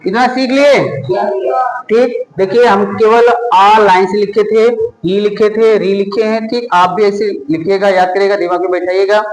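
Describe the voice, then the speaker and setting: A man teaching a class, asking a question and then giving the answer himself, spelling out each item slowly and one by one. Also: high voice, fairly even intonation, roomy sound, low-quality recording. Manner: repetitive question-and-answer drilling, slow deliberate spelling out. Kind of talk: classroom lesson with call-and-response drilling.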